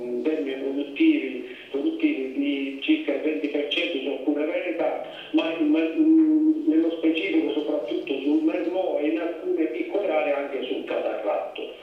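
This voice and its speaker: A man from Sicily, a wine institute expert, reports to a conference over a speakerphone, measured and informative with frequent hesitant fillers. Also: on the high side, a little hiss or hum. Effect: heard over a speakerphone in a hall. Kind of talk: spoken technical report to a conference. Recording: muffled, distant, echoey speakerphone in a hall.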